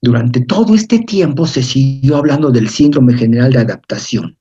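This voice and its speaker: A man's voice: medium pitch, animated, moderate pace, dark tone, husky. A man giving a university physiology lecture, explaining step by step and often checking in with his students. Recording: dull lo-fi lecture recording.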